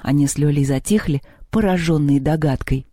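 A narrator reading a children's story aloud in a steady, expressive storytelling manner. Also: mid-range voice, a little fast, dry recording, clean studio sound. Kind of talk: audiobook reading.

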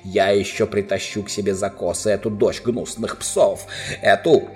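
A man voicing an arrogant, furious young prince in a storybook reading, shouting his lines high and boastful. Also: fairly even intonation, moderate pace, faint music behind, natural voice. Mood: raging. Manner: shouting, boastful, raised pitch.

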